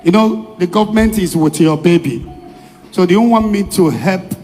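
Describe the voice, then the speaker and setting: A Nigerian-accented male evangelist speaks in a high voice from a big echoing hall. He questions and directs someone in short repeated phrases, with faint music behind him. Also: normal speed, a little mellow. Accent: Nigerian Igbo-English. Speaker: evangelist leading a deliverance session. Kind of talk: preaching and questioning in a church deliverance. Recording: echoey church hall with music.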